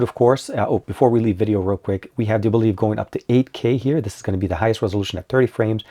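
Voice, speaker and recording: A man's voice: on the low side, mellow. A man with a cold, giving an upbeat, informal tech product review and talking to viewers as you guys. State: getting over a cold.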